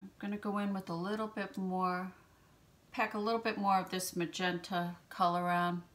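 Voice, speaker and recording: A woman in her fifties runs a beauty channel and films a makeup tutorial in a small room at home, talking through each step in a gentle, chatty manner. Her voice sits in the mid range with little pitch movement and a moderate pace, and allergies make her clear her throat now and then.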